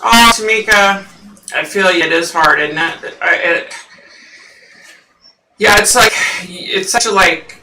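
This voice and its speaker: On her home livestream, a psychic host chats with viewers slowly, leaving long pauses, in a mid-range voice that is scratchy, husky and sharp. Her talk rambles with many fillers, and she sounds distant from the mic in a roomy space.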